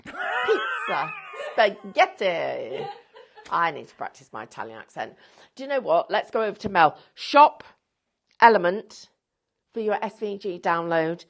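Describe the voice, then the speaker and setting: A woman's voice: lowish voice, very animated, fast. A woman presenting a live craft shopping show, selling with chatty, jokey enthusiasm.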